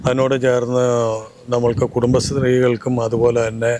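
A man's voice: medium pitch, little pitch movement, background noise. Earnest man laying out plans. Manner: earnest, measured, lists plans point by point. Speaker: local election candidate. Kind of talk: interview answers.

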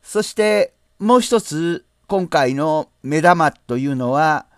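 A man from Nara, hosting a screen-share software tutorial in a polite, explanatory way, often pausing on drawn-out asides. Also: fairly high pitch, animated, clean tone, dry recording, clean studio sound. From Nara, Japan. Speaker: channel host.

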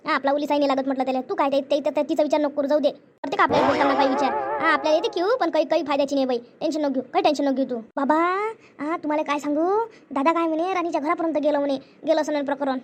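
A woman's voice: sits high, very fast, crowd noise. A woman tells a family story in a chatty way. She repeats herself often, reassures the others and gossips about the family. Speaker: storyteller voicing family members. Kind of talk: conversational family skit.

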